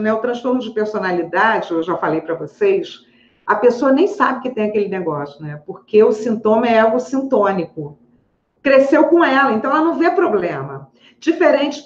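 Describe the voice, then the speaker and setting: A woman psychologist talking to camera in her office, animated and chatty, often tagging on questions. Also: medium pitch. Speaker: psychologist, channel host. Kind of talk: casual educational talk to camera. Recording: echoey room, slightly dull audio.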